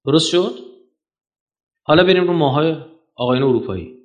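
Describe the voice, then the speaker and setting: A man giving a lecture to an audience, emphatic, firing off rhetorical questions and swinging his pitch up and down. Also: lively intonation, lo-fi sound.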